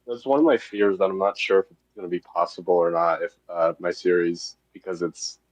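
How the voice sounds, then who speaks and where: A man with a deep, steady voice talks a little fast as the guest creator of an analog horror web series. He's casual, enthusiastic and a bit self-deprecating, heard over a muffled connection.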